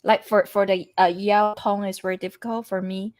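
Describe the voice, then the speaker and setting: Woman explaining tones in halting English. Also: mid-range voice, flat delivery, darkish tone. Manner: halting, repeats words, non-native English phrasing. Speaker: Chinese teacher co-hosting a live lesson. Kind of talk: casual live-stream teaching chat.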